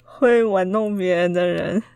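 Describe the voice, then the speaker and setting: A woman's voice: mid-range voice, steady tone, a little mellow, clear, resonant tone, no room sound. A woman co-hosting a podcast, teasing her co-host and pushing back in a casual chat. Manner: quick, teasing, argues her side back.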